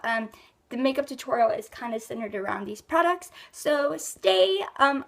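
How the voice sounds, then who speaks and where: A teenage girl, rambling casually about her monthly favorite products, a little rough from being sick, with lots of ums and likes. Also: sits high. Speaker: beauty vlogger.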